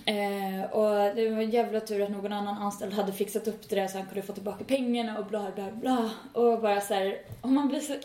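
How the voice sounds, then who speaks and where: A woman's voice: mid-range voice, little pitch movement, hardly any pauses, dark tone. A young woman in her twenties chatting casually as a podcast co-host, telling stories animatedly and acting out quoted dialogue. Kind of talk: casual chat. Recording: echoey room.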